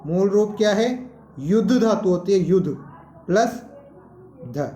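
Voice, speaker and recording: Man with teaching slow, asks the class questions, roomy echo. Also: sits high, expressive, warm tone. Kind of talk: classroom-style lesson.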